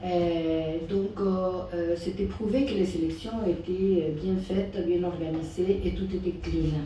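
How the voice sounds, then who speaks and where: A woman with a low, soft-edged voice speaks to a meeting with a foreign, Peruvian Spanish accent in her French. She hesitates and searches for words as she goes. The recording is very echoey and picked up from far off. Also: fairly even intonation, unhurried. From Peru. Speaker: grassroots activist giving a talk. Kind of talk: informal public political talk. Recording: distant mic, echoey room, faint noise.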